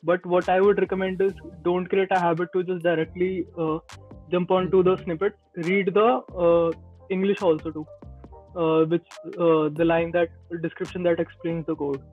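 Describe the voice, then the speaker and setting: Here a young Indian Android developer, high-pitched, offers relaxed coding advice as a podcast guest at a normal speed and in a level tone. He's on a video call with earbuds from a small room, the sound tinny and phone-like with faint music in the background.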